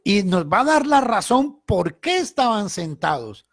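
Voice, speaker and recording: A man leads a Bible study like a sermon, with a fairly high voice that leaps up and down. He stresses key words loudly, then drops into quiet asides. The sound is dry and close. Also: very animated, measured pace, dry recording. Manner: emphatic, swings between loud stress and quiet asides. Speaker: Bible teacher.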